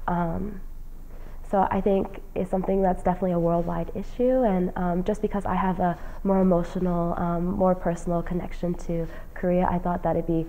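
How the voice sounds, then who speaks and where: A young woman from New Jersey, a graduating college senior and fellowship recipient, answers interview questions in an indoor lounge with plants and a leather chair. Her voice is fairly low, dark, and brisk with little pitch movement, and the sound is lo-fi. She comes across as casual and earnest, using many "um" fillers.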